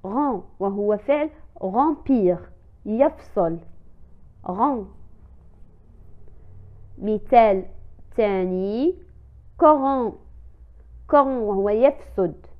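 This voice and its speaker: A woman teaching French in a language lesson, repeating each example word clearly several times before explaining it. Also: medium pitch, lively intonation, extremely slow, long pauses. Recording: tinny phone-like sound.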